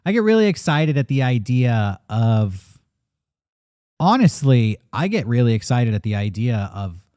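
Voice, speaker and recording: A man's voice: medium pitch, very animated, unhurried, warm tone, clean tone, no echo, studio quality. A man in his late thirties, a podcast co-host talking candidly and reflectively in casual chat, swearing now and then. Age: 30s.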